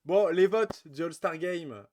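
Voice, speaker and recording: A man co-hosting a live basketball chat show, relaxed and full of fillers as he runs through rankings. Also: a little high, takes it slowly. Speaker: podcast co-host.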